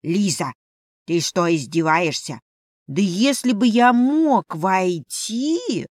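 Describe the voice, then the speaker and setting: A woman voicing a grumpy, cheeky little male winged mouse familiar in an audiobook, speaking in a slow, sarcastic drawl. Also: medium pitch, lively intonation, no room sound, clean studio sound. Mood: grumbling.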